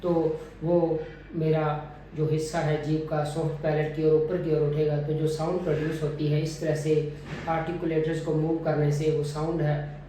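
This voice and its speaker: A man teaching a phonetics lesson, deliberately modelling each vowel sound over and over. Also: a little high, level tone, mellow, a little hiss or hum. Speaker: English pronunciation teacher. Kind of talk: phonetics lesson with drilled repetitions. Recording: very echoey room, mic at a distance.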